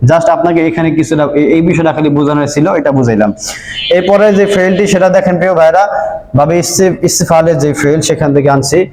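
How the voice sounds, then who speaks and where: A man teaching a grammar lesson, explaining each step and often checking in with his listeners, drawing out example words slowly. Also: fairly high pitch, a little mellow, roomy sound, slight background noise, rough recording.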